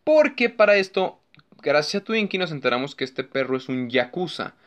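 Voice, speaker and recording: Podcast host, young Mexican man, high-ish voice, loose and profane, laughs a lot. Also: normal speed, lo-fi sound. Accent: Mexican Spanish. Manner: animated, swears a lot, laughs often. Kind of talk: casual movie recap commentary.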